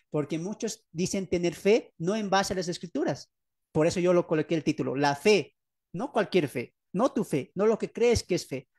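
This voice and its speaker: A man's voice: high voice, a little mellow, no room sound, studio quality. A man preaching as a pastor, explaining his book's teachings, often asking the audience questions and repeating key phrases for emphasis. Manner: asks the audience rhetorical questions. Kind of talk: teaching sermon presenting his book.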